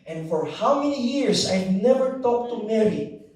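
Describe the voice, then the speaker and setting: Animated Filipino man testifying in an echoey hall. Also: high voice, unhurried. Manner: animated, switching between Tagalog and English, prompting the crowd to answer. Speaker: faith talk speaker. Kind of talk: personal testimony to a live audience. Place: large hall with a live audience. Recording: very echoey hall, voice from a distant mic.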